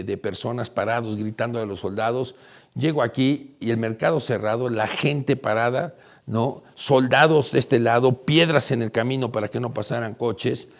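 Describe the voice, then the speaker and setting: Gravelly Mexican man telling a story. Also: mid-range voice. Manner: animated storytelling, acts out the voices of others. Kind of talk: personal anecdote monologue.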